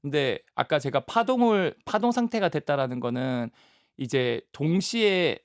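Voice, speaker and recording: A man's voice: on the high side, lively intonation, measured pace, no echo. A man speaking as a science communicator, patiently explaining ideas with everyday analogies in a studio interview. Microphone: studio mic.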